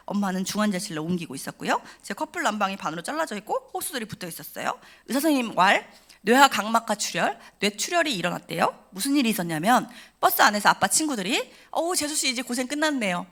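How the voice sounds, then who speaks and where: A woman telling an emotional personal story at a church service, animated and acting out the voices of the people in it. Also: mid-range voice, fast talker. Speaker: testimony speaker at a church service. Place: church sanctuary.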